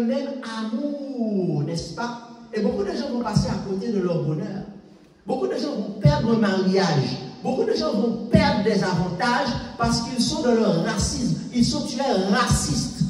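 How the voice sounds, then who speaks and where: A man's voice: very high-pitched, distant mic. A man pastor preaching a sermon, asking rhetorical questions and answering himself with emphatic amens. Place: large echoey church hall. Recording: echoey hall, voice picked up from afar.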